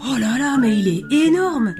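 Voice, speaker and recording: Une femme qui fait la voix d'un petit hamster mâle rêvant d'être cow-boy, excité et audacieux, sur fond de musique. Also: mid-range voice, moderate pace, natural voice. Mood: excited. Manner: excited, bold and shouting. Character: eager little male hamster who dreams of being a cowboy. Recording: music playing behind.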